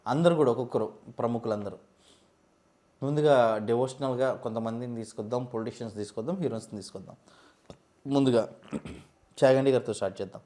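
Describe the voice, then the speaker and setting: A man, a mimicry artist, talking relaxed and explanatory as an interview guest. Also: medium pitch, fast, long pauses. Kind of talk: casual interview chat.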